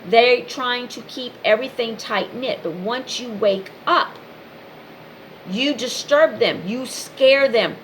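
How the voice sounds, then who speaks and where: A woman with a slightly high voice delivers an impassioned, informal monologue directly to the listener, using emphatic, repetitive short phrases. The recording is rough, with a faint hiss or hum.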